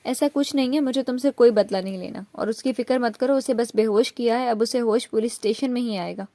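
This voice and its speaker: A woman's voice: on the high side, steady tone, no echo, lightly acted. A woman voicing a young man who teases and reassures a frightened girl, in a storybook reading. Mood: teasing protective. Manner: mocking, soft-spoken. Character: teasing protective young man, mocking then tender.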